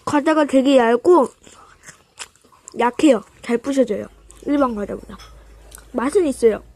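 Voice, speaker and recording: A woman with a high voice hosts a casual snack-eating vlog. She presents to her viewers in polite, simple sentences. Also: a little slow, darkish tone. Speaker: host of a snack eating video. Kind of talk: casual mukbang vlog talk.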